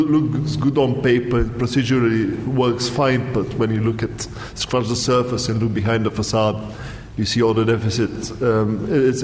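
Measured male panelist in an echoey hall. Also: medium pitch, darkish tone. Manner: measured, explanatory, with frequent ums. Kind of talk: panel discussion answer. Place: large hall. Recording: echoey hall, faint background noise.

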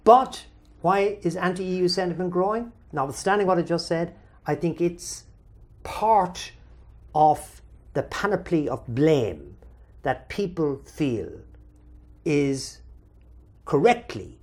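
Answering viewer questions in a chatty discussion he hosts, this man from Ireland speaks in a slightly high voice. He keeps a measured, lively pace and stretches out certain words to stress them.

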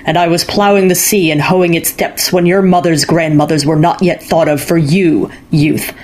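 A woman voicing an ancient, mighty male sorcerer who speaks slowly and menacingly. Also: fairly even intonation, a little mellow, lightly acted. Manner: slow, deep, looming delivery.

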